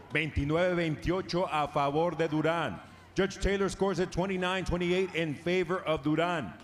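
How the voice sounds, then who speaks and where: A man working as a bilingual ring announcer in lucha libre style, with formal, drawn-out showman delivery. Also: a little high. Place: large arena, over the PA. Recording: echoing arena PA with noise.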